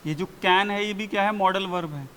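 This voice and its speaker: A man teaching a grammar class, slowly drawing out example sentences. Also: high voice, a bit bright, slight background noise. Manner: slow, drawn-out drilling of example sentences. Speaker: English communication coach. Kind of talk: classroom grammar lesson, Hindi mixed with English. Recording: reverberant hall.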